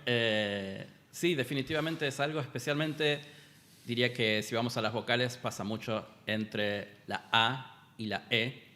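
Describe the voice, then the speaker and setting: A man who works as a Spanish tutor, a podcast guest talking about his classes in a relaxed, matter-of-fact way. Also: mid-range voice, a little slow. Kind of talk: casual podcast chat.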